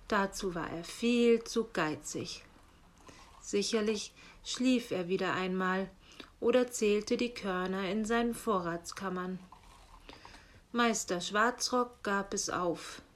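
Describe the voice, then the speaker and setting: A woman reading a children's story aloud in a calm, unhurried way. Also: mid-range voice. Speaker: narrator. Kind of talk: scripted children's story narration.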